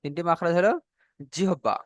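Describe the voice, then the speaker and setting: A man teaching a class on pronouncing Arabic letters, slow and repetitive, drawing out each letter sound and checking in with his students. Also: on the high side, dry recording, highs cut off. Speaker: Quran recitation teacher. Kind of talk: classroom lesson on letter pronunciation.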